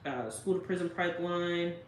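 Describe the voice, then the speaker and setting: A woman with a lowish voice speaks at normal speed, giving casual commentary straight to the viewer, reading quotes aloud and often checking in with her listener. The recording has a roomy echo and faint noise.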